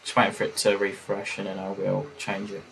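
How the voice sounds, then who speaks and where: A young man talks through a football watchalong stream. He rambles along in a lowish voice, stopping and starting with lots of fillers. Faint noise hums under his mic. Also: monotone, brisk, gravelly, a bit bright, low-quality recording. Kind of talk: casual live-stream chat.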